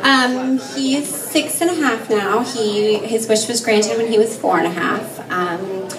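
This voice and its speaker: A woman speaks on a bar stage in a slightly high, soft-spoken voice, caught by a distant camera. Echo fills the room and a crowd murmurs behind her. She pauses often with "um". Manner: soft-spoken, with many "um" fillers and light laughs. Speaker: guest telling her son's story. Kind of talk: on-stage interview. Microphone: handheld mic, far camera. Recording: echoey bar from far off, crowd noise. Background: crowd chatter.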